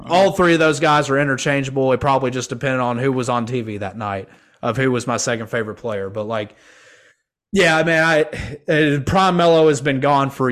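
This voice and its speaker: A young adult man hosting a casual sports podcast, rambling with lots of fillers and slang. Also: mid-range voice. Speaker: podcast host.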